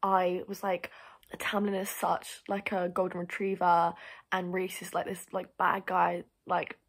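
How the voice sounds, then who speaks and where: Chatting about books for her reading vlog, this young adult woman gushes freely and leans heavily on the word "like." Yet her lowish, slightly rough voice stays completely flat and moves a little slowly.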